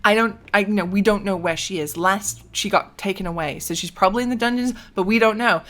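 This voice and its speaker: A woman voicing a brash, foul-mouthed young female warrior who talks fast and bluntly. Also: mid-range voice, a bit bright, natural voice. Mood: urgent, defiant. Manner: rapid, swearing, blunt.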